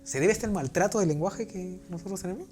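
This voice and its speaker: A man from Peru hosting an interview, asking long questions with many pauses and restarts. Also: high voice, a little mellow, soft background music. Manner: hesitant, many fillers and restarts while asking. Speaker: interview host.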